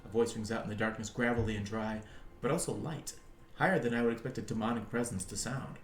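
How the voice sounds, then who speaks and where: A man streaming a game, reading its narration aloud in an animated way with frequent chuckles. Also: lowish voice, fast, reverberant, a little hiss or hum.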